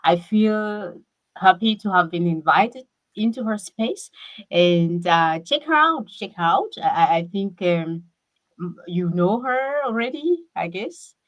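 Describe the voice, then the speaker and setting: A woman from Kenya, talking as a guest in a casual conversation over a video call. She speaks haltingly and restarts her sentences often. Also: mid-range voice, lively intonation, highs cut off. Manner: halting, with many repeated restarts.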